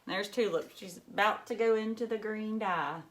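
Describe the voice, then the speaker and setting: A woman reads a children's picture book aloud with expressive emphasis, pausing for asides and questions to her young listeners. Her voice sits in the mid-range and she keeps a moderate pace.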